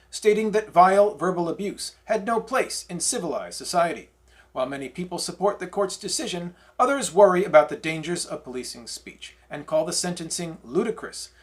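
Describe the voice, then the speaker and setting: A man reading a scripted parody newscast as its anchor, with a deadpan newsreader delivery. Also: sits high. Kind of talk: scripted mock newscast narration.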